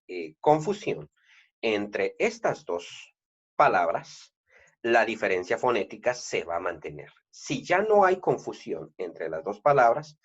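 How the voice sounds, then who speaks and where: A lower-voiced man with a Guatemalan accent teaches a recorded lesson. His pitch rises and falls a lot as he works through each point, pausing on filler sounds and restarting phrases. The recording is dull and lo-fi. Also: slightly rough. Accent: Guatemalan Spanish. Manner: explains slowly with frequent "eh" fillers and restarts. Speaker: Spanish grammar teacher.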